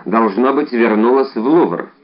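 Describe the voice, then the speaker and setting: A smug, petty middle-aged townsman, as a male reader voices him. He talks with self-satisfied ease, sometimes pitched higher. The audio sounds a little dull. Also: a little slow, close to an everyday voice.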